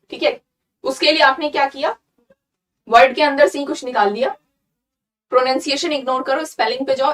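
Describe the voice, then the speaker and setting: Woman vocabulary teacher, high voice, online lesson, repeats words slowly, keeps asking "clear?", a little distant from the mic. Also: a bit bright. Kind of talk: online exam-prep lesson.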